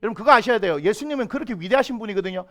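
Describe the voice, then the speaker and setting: A man's voice: sits high, animated, rapid-fire, fairly bright tone. A middle-aged man, a senior pastor, preaching a sermon in a church. He asks the congregation questions and briefly acts out the voices he quotes. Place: church sanctuary.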